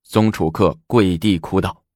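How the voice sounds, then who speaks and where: A man narrating a historical story in an expressive storytelling manner. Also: deep voice, a little slow, no room sound, studio quality.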